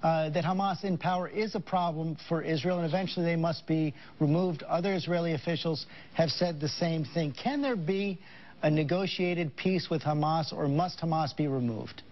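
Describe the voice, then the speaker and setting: A man's voice: a little high, normal speed. A man working as a news interviewer, putting formal, probing questions. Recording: dull lo-fi audio.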